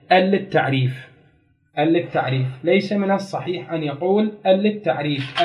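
High-voiced man teaching grammar. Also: a little mellow, muffled recording. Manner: explains step by step, repeats key terms, questions students. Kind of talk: classroom lecture.

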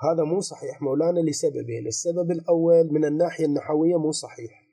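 A man with an Iraqi accent teaching a seminary lesson on a legal text. He explains step by step, asks rhetorical questions, repeats key phrases and reads quoted passages slowly. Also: fairly high pitch, steady tone, creaky, warm tone, husky. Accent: Iraqi Arabic. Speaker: religious law teacher.

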